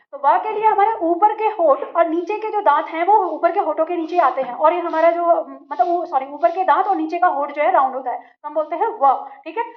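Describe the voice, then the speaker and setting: Female teacher, very high-pitched, patient, drills words slowly. Dull, lo-fi recording. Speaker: Hindi teacher. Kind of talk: classroom lesson on pronunciation.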